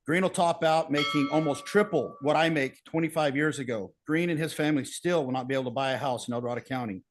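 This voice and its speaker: A middle-aged man, a county road crew supervisor, giving a forceful, earnest public comment at a county board meeting podium. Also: a little high, fast talker. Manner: forceful, earnest, rising to emphatic appeals.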